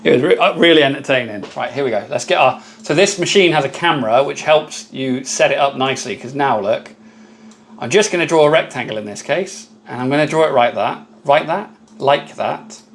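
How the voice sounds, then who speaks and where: A loud man with a mid-range voice talks briskly through a casual live stream, thanking viewers by name and chatting as he works the laser engraver.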